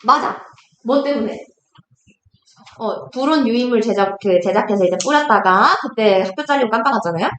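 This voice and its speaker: A woman tutoring a class in Korean literature, lecturing briskly and acting out characters' lines as she explains, with questions to her students. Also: on the high side. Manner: lively, acts out characters' lines in quotes, asks students questions. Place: classroom at a cram school. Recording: echoey classroom, faint noise.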